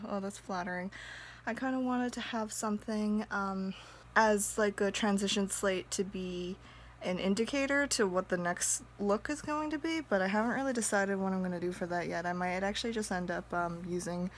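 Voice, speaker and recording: A woman's voice: medium pitch, slight background noise. A woman chatting casually in a home vlog, rambling with lots of fillers and frequent laughs. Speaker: vlogger.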